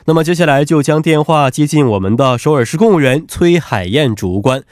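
A male radio host speaks with a clearly stuffed-up, nasal voice, as if congested from allergies. His intonation is lively and his manner polite and attentive as he interviews. The sound is dry and close. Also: a little high, brisk. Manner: polite, attentive, echoes answers back. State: allergic rhinitis.

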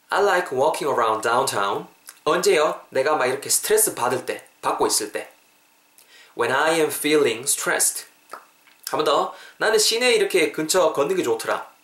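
Man, podcast English teacher, quick explanations, slow repeated model phrases, echoey room. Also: mid-range voice, a bit bright. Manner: drills phrases, repeats lines for listeners to copy; switches between fast Korean explanation and slow English models. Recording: roomy, echoey sound.

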